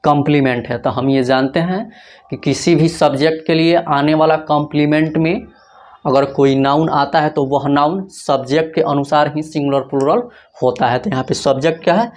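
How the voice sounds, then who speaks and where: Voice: mid-range voice, steady tone, normal speed, darkish tone. A teacher giving a grammar lecture, asking rhetorical questions and answering them himself, repeating each rule step by step. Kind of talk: Hindi-language grammar lecture.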